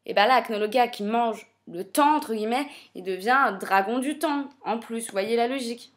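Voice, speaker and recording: A woman with a slightly raised pitch talks through a manga chapter in relaxed, off-the-cuff commentary. She stops and restarts often to correct herself as she works out her ideas. She also slips in light, teasing jokes. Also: normal speed. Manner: thinks aloud with many fillers and self-corrections; playful, teasing asides. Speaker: manga reviewer. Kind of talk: casual spoken commentary.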